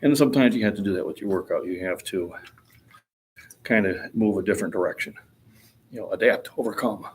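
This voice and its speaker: A man in his sixties talks a little fast in a lowish voice, leaving long pauses, as he chats at the gym about his lifting. The fitness vlogger is plainspoken, rambles, and is quick to chuckle in this casual vlog talk.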